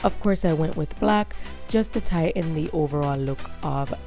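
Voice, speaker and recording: A woman in her thirties with a hoarse voice, giving a chatty voice-over walkthrough as a vlog host. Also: sits low, moderate pace, dark tone, soft background music. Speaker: host of a home makeover vlog.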